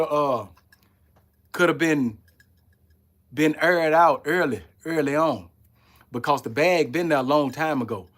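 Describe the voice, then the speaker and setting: A man from Haiti hosting a live podcast, talking loosely and rambling with plenty of "you know what I'm saying.". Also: a little high. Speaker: podcast host. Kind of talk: casual live-stream talk.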